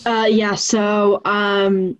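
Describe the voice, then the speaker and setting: Speaking very slowly in a flat, mid-range voice, this student panelist answers interview questions casually from a small bedroom, using fillers such as "like" and "uh." She's a young adult woman from northern England. Her laptop webcam gives a rough recording.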